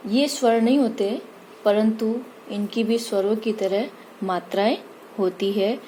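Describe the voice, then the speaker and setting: A woman teaching Hindi grammar, patiently explaining vowels and spelling out each example slowly. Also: mid-range voice, dark tone, slight background noise, rough recording. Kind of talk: slow explanatory lesson.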